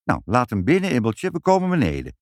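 A kindly, bustling mother speaks in a raised, brisk voice full of lively swoops, as a man puts her on. The reading is dry and close to the mic. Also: mid-range voice, dry recording, voice pushed up. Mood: calling.

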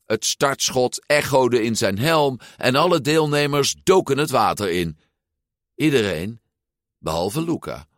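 A man reading a children's story aloud, slow and animated, giving each character a voice. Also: medium pitch, no room sound, clean studio sound. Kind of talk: storybook read-aloud narration.

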